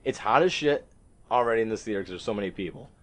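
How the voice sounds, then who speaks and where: A man's voice: fairly low pitch, lively intonation, fast. A man hosting a podcast, telling a story among friends in a casual, profane, self-mocking way.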